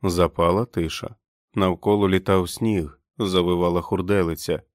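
A man narrating an audiobook in a measured, even reading voice. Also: low-pitched, no room sound, clean studio sound. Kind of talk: scripted narration.

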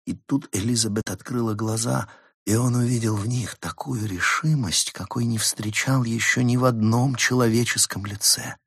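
A man reading an audiobook aloud in measured, dramatic scripted narration. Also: mid-range voice, fairly even intonation, husky, dry recording, clean studio sound. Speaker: audiobook reader.

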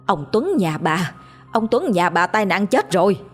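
A woman's voice: medium pitch, sing-song, a little slow, music in the background. A woman voicing a panicked older village woman who stammers out urgent news.

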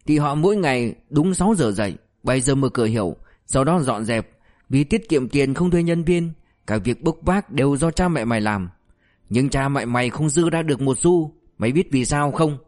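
A man's voice: mid-range voice, animated, normal speed, natural voice. A man doing a raging, merciless cop. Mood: furious. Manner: shouting abuse, harsh and relentless. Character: ruthless male police officer berating a suspect.

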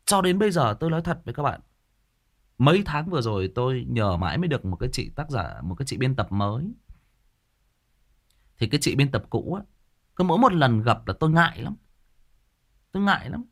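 A man's voice: mid-range voice, sing-song, fairly quick, long pauses. A man from Vietnam, hosting a ghost story channel and chatting emphatically with his listeners. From Thai Nguyen, northern Vietnam. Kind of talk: casual chat to listeners.

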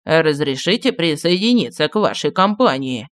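Чтец изображает старого отставного маршала, медленно, глухо, с ностальгией, звук сухой. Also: male voice, very animated, fairly bright tone, dry recording. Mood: reminiscing. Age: older. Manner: slow, low, grumbling reminiscence. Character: old retired marshal, gruff, nostalgic, secretive.

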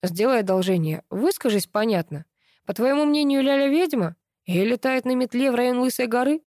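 A woman's voice: on the high side, lively intonation, a little fast, darkish tone, no echo, clean studio sound, pitched above the performer's own voice, natural voice. A woman reading an audiobook, voicing a sarcastic young man who teases his sister, in a mocking, ironic manner. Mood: incredulous.

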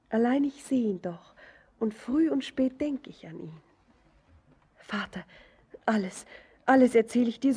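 In a theatrical German radio drama, an actress plays an anxious, lovesick young daughter, her slightly high, dark-toned voice breathy and often whispered. Shy and fearful at first, she turns to pleading, her delivery fervent, halting and imploring.

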